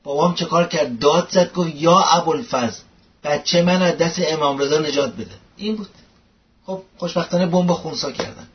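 A man's voice: fairly high pitch, dull audio. A man hosting a political commentary show, mocking and scornful as he tells stories and introduces clips.

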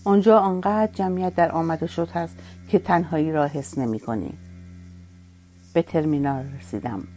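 A woman narrating a first-person story in a sorrowful, reflective way. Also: low-pitched. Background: soft music.

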